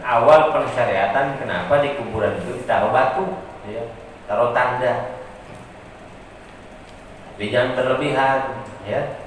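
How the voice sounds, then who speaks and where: A man's voice: medium pitch, fairly bright tone. A male religious teacher explaining a classical text step by step, asking rhetorical questions and adding humorous asides. He keeps punctuating his points with a short "ya". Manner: often punctuates with a short affirming "ya". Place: mosque hall. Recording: echoey hall, distant mic, faint noise.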